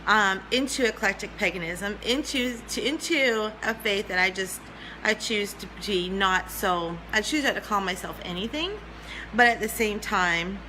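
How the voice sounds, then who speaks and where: Female, 40s, spiritual teacher on a livestream. Earnest, repeats herself, bright tone. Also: medium pitch, moderate pace, slight background noise, low-quality recording. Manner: earnest, repeats phrases, greets viewers by name. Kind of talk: livestream talk to viewers.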